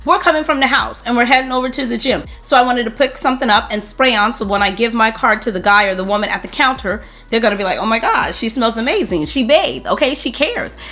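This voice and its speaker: A woman's voice: a little high, expressive, pushed and bright. Upbeat woman reviewing perfumes at home. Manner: enthusiastic, listing notes in quick rhythmic runs. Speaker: beauty vlogger. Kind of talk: fragrance review vlog. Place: home room with a desk display.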